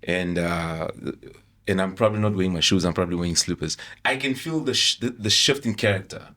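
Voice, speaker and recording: A man's voice: low-pitched, brisk, pushed and bright. A Namibian actor in a round table discussion, talking earnestly about his craft and repeating points for emphasis. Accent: Namibian English.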